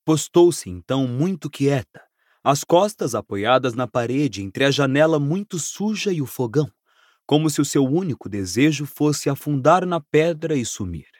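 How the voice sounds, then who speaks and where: A man narrating an audiobook with expressive, dramatic storytelling. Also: on the high side, normal speed, dry recording, clean studio sound.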